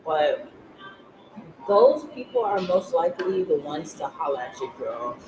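A woman's voice: deep voice, animated, a little slow, background noise. Young woman chatting in an echoey room. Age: 20s. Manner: hesitant, restarts and self-corrections. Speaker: podcast co-host. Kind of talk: casual chat.

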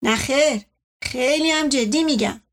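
A woman voicing an irascible, paranoid old family patriarch who shouts accusations. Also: high-pitched. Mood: indignant.

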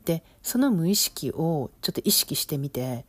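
A middle-aged woman with an Osaka accent, speaking reflectively in a casual monologue, with lots of fillers and soft laughs. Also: low-pitched, very animated, moderate pace, no echo. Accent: Osaka Kansai Japanese. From Osaka, Japan. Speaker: business coach, podcast host.

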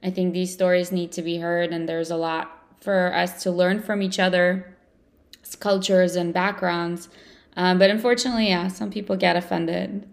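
A woman's voice: fairly low pitch, little pitch movement, normal speed, vocal fry. A woman hosting a podcast, asking questions and sharing her views in a conversational way. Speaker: podcast host. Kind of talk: conversational interviewing.

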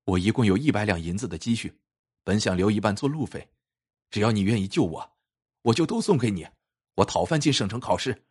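A man reading the part of a nervous young male scholar who quietly begs his friend for help. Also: on the low side, expressive, brisk, breathy edge. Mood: begging.

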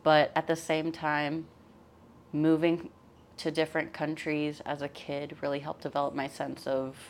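A woman in her twenties, a musician, talking openly and warmly as a podcast guest and laughing often. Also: deep voice, monotone, unhurried. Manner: friendly, open and chatty, laughs often. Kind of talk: casual interview chat.

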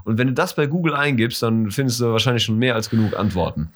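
A man's voice: medium pitch, fast, fairly bright tone. A man co-hosting a casual podcast, talking in a hesitant way with fillers and restarts. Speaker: podcast co-host.

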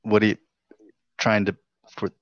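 A man's somewhat low voice breaks up into buzzy, glitchy fragments as a remote call keeps cutting out. The line sounds dull and lo-fi, with a dry, close sound and no room around it. He speaks in a dry, joking way as a podcast guest. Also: completely flat delivery, measured pace, no room sound. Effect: buzzy glitchy call audio cutting out. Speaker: podcast guest, small business owner. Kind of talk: casual chat over a call. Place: at home, joining remotely.

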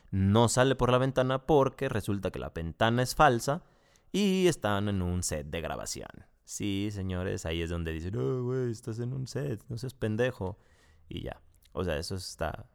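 A man's voice: sits low, clean tone. A man with a Mexican accent giving a casual, profane, rambling spoken review full of slang and restarts. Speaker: video reviewer.

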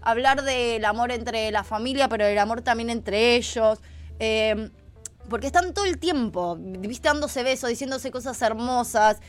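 A woman's voice: on the high side, moderate pace, faint music behind. A woman with an Argentine Rioplatense accent, chatting casually on a live stream in a slangy way with lots of fillers. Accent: Rioplatense Argentine Spanish. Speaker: stream co-host.

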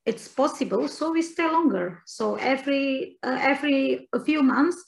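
Woman from Indonesia, gravelly higher voice. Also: rough recording. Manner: unhurried, laughs often, rephrases and restarts as she goes. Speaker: podcast guest. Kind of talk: casual interview chat.

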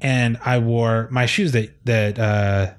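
A man's voice: medium pitch, fairly even intonation, takes it slowly. A man in his thirties co-hosting a gaming podcast, chatting casually in a rambling way, laughing often and swearing now and then. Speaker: podcast co-host. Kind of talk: casual chat.

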